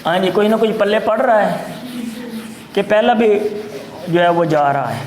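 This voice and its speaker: A male teacher lectures a class and goes through terms one at a time. His voice sits a little high, and he repeats each word slowly. The room is echoey, with a faint hum underneath. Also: lively intonation, darkish tone. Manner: explains words slowly, repeating terms, mixes in Punjabi asides. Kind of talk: classroom lecture explaining vocabulary.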